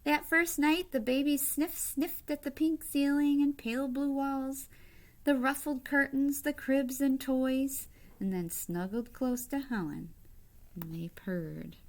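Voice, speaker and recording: Her voice sitting high, a teacher-like storyteller reads a picture book to children, using deliberate, expressive delivery and pausing for short remarks aimed at the little ones.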